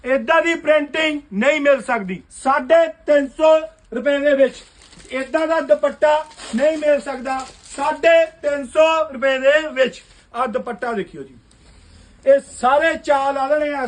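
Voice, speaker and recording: A man pitches clothes at the top of his lungs, his voice sitting extremely high for a man. He runs a basement clothing shop and hawks prices rapid-fire, as a loud live sales call. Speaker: shopkeeper selling suits.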